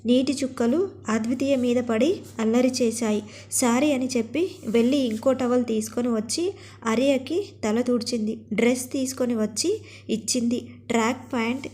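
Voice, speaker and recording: A woman with a fairly high voice reads a scripted story aloud. Her delivery is steady and expressive, carrying the listener through each scene.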